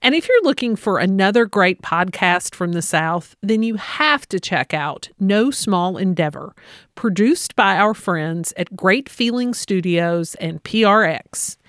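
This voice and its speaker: A woman's voice: mid-range voice, animated, measured pace, fairly bright tone, no room sound, studio quality. A woman podcast host reading a promo in an upbeat, friendly way.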